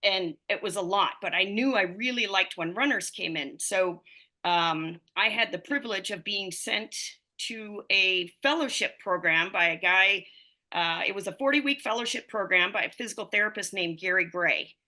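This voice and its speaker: Her voice is medium in pitch and sharp in tone, moving at a moderate pace. This American woman in her fifties works as a running coach and physical therapist and is a podcast guest in a conversational interview. She tells her story in a loose, rambling way full of fillers.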